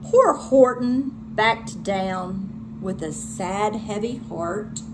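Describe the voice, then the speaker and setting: A woman teacher reading a children's storybook aloud with expressive delivery. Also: medium pitch, drawn-out words, background noise.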